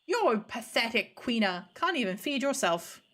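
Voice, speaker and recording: A woman's voice: a little high, sing-song, unhurried, a bit bright, full character voice. A woman voicing a stern old cartoon master who scolds and lectures a pupil. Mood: scornful.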